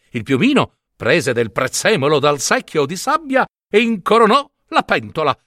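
A man reading a fairy tale aloud in an expressive, playful way. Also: a little high, no echo, clean studio sound. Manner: animated, playful. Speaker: storyteller.

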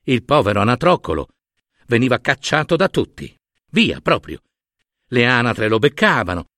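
A man reading a children's story aloud in a slow, expressive way. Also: a little high, dry recording, clean studio sound. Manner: slow, expressive, lively narration.

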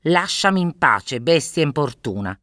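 A woman's voice: sits low, very animated, a little slow, a bit bright, dry recording, clean studio sound, heavily acted. A woman voicing an impatient, scornful young man.

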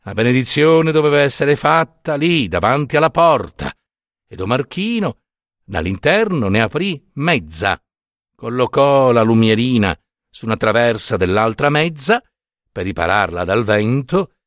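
A man narrating a classic short story in a literary audiobook reading, with expressive, theatrical storytelling. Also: mid-range voice, a little slow, no room sound, clean studio sound.

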